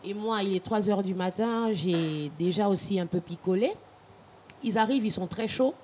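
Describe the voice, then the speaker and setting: A woman from Cameroon and Gabon talks openly in a TV studio interview, her voice sitting at an ordinary pitch. She speaks frankly and laughs easily. A faint hum of noise sits under her voice. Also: moderate pace, darkish tone. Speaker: guest singer.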